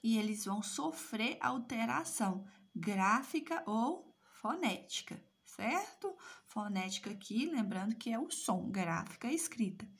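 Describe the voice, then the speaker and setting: A woman's voice: on the high side, animated, measured pace, hardly any pauses, husky. A woman teaching a recorded language class, explaining step by step and checking in with "right?" after each point. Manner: explanatory, asks "certo?" and "né?" again and again. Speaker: Portuguese teacher.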